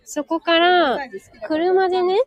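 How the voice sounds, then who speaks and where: A woman's voice: very high-pitched, steady tone, takes it slowly, highs cut off. A woman live streaming from an outdoor market stall, chatting to listeners and serving customers in a polite, welcoming customer-service voice. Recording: busy outdoor crowd noise behind. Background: crowd chatter.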